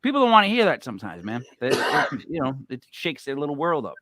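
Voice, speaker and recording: Talking fast in a medium pitch, this podcast host rambles through casual stories, animated and laughing often. There is no room sound on the recording.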